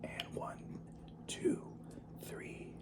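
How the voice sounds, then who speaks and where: A person whispering in a breathy, unvoiced voice, chatting casually and informally as the host of an ASMR eating video. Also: very slow.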